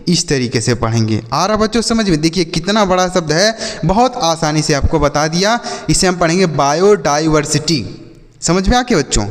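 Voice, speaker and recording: A man's voice: a little high, big-room sound. A man teaching children to read long English words, spelling them letter by letter and often asking and answering his own questions. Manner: repeats questions and answers, addresses children directly.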